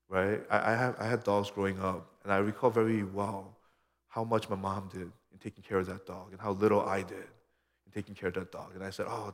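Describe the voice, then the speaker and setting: With a low-pitched voice, this Korean pastor, probably in his thirties, delivers his sermon earnestly and conversationally, frequently sinking to a gentle hush. The sound carries a long reverb from the hall.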